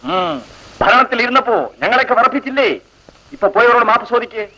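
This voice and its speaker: A jeering college senior with a very high, bright and husky voice. He sneers and scolds as he talks. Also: fast talker, exaggerated voice, poor audio. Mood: sneering. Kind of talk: 1980s film dialogue.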